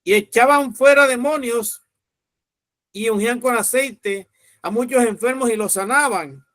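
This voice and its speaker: A pastor preaching with a notably high voice. He speaks emphatically and with command, urging his listeners on. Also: a little slow, a bit bright, no room sound, clean studio sound. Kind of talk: sermon.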